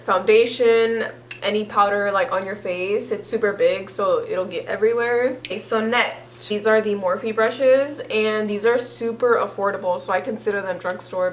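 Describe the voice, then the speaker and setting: A woman's voice: medium pitch, a bit bright. Gushing woman vlogger, faint hum. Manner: gushing, filler-heavy with frequent "like". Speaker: beauty vlogger co-host. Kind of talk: casual chat.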